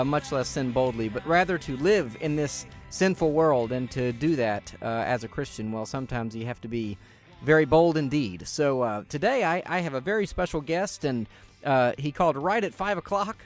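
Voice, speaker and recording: A man who is a pastor hosting a talk radio show, speaking casually and haltingly with many fillers. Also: a little high, animated, faint music behind. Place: radio studio.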